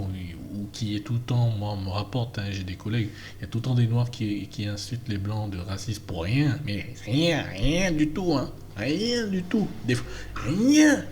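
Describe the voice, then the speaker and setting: Low-voiced man, emphatic opinion monologue. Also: a little hiss or hum. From French Guiana. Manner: animated, emphatic, with many fillers and restarts. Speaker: vlogger.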